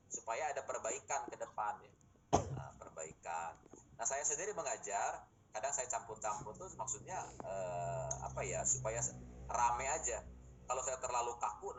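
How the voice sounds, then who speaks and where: A man's voice: mid-range voice, muffled recording, a little hiss or hum. A middle-aged man lecturing his students in a classroom, explaining points patiently and posing rhetorical questions.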